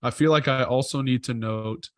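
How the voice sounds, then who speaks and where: A man's voice: medium pitch, fairly even intonation, moderate pace, dry recording, studio quality. A man co-hosting a podcast in casual chat, rambling and correcting himself as he thinks aloud. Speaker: podcast co-host.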